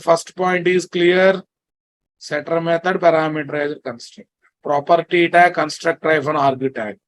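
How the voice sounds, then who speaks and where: A man with a Telugu Indian English accent teaching a programming class, repeating himself and often checking that listeners follow. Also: fairly high pitch. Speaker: programming instructor. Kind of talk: classroom lecture.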